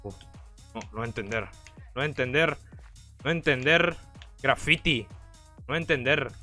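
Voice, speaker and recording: A man's voice: medium pitch, a little slow, pushed and bright, soft background music. A man voicing a frightened, simple-minded primitive monster who grunts and stammers in broken caveman speech during a game roleplay. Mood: scared.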